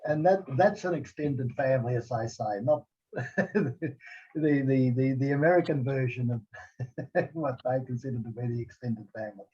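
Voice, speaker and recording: A man hosts an interview over a video call in a mellow, relaxed voice. He often stalls and restarts before getting his questions out. The recording is dull and muffled, with the high end cut off. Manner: halting, many restarts and stammered starts.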